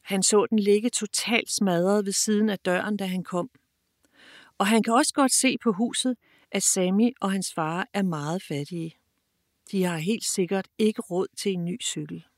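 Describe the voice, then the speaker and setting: A woman's voice: mid-range voice, no room sound, clean studio sound. Woman narrating a children's audiobook. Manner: clear, expressive storytelling.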